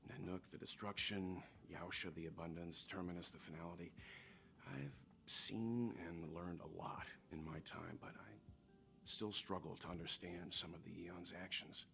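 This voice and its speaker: A man voicing a calm, wise older traveler who reflects in a video game. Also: sits low, vocal fry, soft background music, heavily acted. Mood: reflective. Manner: measured, reflective narration. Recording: game audio with faint ambience.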